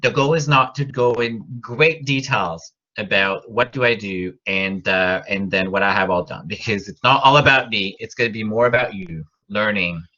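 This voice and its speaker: Giving an online college lecture, this middle-aged man from Quebec speaks with a French-Canadian accent, French being his native tongue, and rambles through fillers and restarts while stressing key words with rising emphasis. His voice sits on the low side, bright and forceful, at a moderate pace with few pauses. The highs in the recording are cut off.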